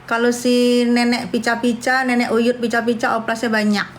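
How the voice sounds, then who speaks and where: A woman's voice: a little high, completely flat delivery, moderate pace, a little hiss or hum. A woman, chatting brashly and scornfully on a livestream, calling her viewers darling. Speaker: livestream host. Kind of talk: casual livestream chat with viewers.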